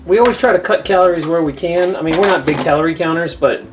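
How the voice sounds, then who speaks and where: Low-voiced chatty woman cooking at home. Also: quick pace, over music. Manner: rambling, chatty storytelling. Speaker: cooking channel host. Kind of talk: casual chat while cooking. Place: home kitchen.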